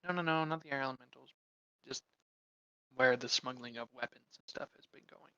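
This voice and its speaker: A man playing in an online tabletop game, heard through a low-quality, degraded mic on a voice call, chatting casually and trailing off mid-sentence. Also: brisk, pushed and bright, clean tone, no room sound, muffled recording. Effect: low-quality, degraded mic sound from noise suppression. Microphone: computer mic on a voice call.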